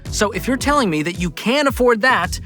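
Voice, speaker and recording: Casting: male host for comedic commentary, high and bright voice, sarcastic, punchy, joking delivery. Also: expressive, brisk, faint music behind. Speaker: video host. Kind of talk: scripted comedic personal finance commentary.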